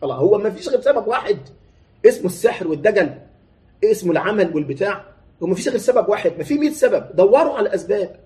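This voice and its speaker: A man's voice: sits high, animated, rapid-fire, dark tone. A man with an Egyptian Arabic accent preaching a sermon, moving between formal recitation and colloquial explanation, with many rhetorical questions.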